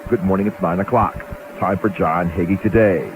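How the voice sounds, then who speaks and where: A male radio announcer reading a station identification in a smooth, measured delivery, heard through a tinny clock radio. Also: low voice, steady tone. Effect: tinny clock radio sound. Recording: tinny radio playback with hiss.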